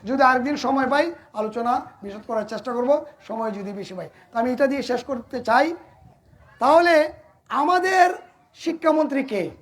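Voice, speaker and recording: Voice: high-pitched, moderate pace. A Gita preacher gives a devotional sermon to a village gathering. The speaker is humble and apologetic toward the listeners and keeps asking the crowd rhetorical questions.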